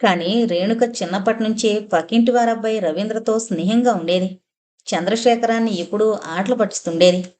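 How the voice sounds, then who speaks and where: A woman narrating a novel for an audiobook in a steady, measured reading voice. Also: medium pitch.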